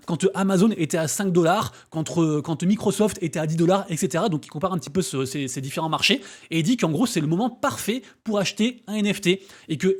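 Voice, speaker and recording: Fast-talking man hosting a crypto vlog. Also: high-pitched, darkish tone. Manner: rapid, slangy, many fillers and restarts. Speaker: crypto and NFT news host. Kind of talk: casual news commentary vlog.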